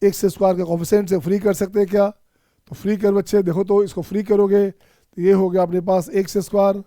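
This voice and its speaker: Coaxing Indian math teacher, warm voice. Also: male voice, high-pitched, level tone, fairly quick, no echo, clean studio sound. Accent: Indian English. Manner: coaxing, repetitive, addresses students as children. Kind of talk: online exam-prep lecture.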